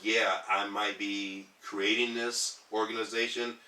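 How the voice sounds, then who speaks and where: A man in his thirties from Detroit talks earnestly as a podcast guest, his slightly low voice carrying a bright, forceful edge. He rambles through ums and restarts. He sits away from the mic in an echoey room. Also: flat delivery, unhurried, distant mic. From Detroit, US Midwest. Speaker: podcast guest, community organizer. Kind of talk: casual podcast conversation.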